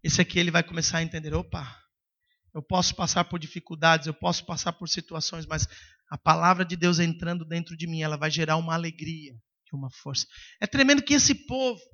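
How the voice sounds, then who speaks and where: A man preaching a sermon as pastor, emphatic and at times breaking into shouts. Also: a little high, brisk, lo-fi sound.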